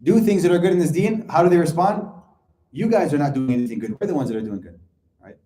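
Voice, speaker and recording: Male religious lecturer, quick delivery, mellow tone, hammers each point by repeating it. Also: on the high side, animated. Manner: explains step by step, repeats points for emphasis. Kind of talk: Quran commentary lecture. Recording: echoey room.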